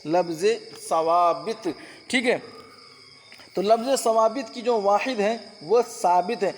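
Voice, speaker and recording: A man teaching Urdu grammar in an online exam-prep class, drilling each word with rhetorical questions and answering them himself. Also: high voice. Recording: long reverb with faint insect noise.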